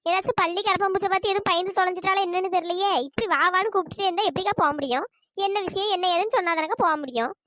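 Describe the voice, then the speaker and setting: A woman voicing bossy, bickering village women in a cartoon, with a pitch-raised voice. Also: very fast, fairly bright tone, no room sound. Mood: scolding. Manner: scolding, bickering, teasing. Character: bossy gossiping village women, scolding and sharp-tongued. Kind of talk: cartoon voice acting.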